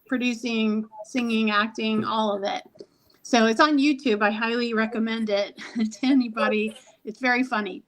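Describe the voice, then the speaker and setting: High-pitched woman co-host, rambly casual chat with lots of ums. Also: a bit bright, poor audio. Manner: chatty, with frequent "um" and restarts. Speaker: podcast co-host.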